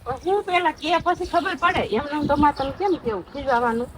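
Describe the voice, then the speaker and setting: A woman's voice: high voice, a little hiss or hum. A middle-aged woman from Gujarat, brusquely scolding her son while doing housework on the rooftop. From Gujarat, India. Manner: scolding, brisk. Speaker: mother. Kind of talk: casual family talk.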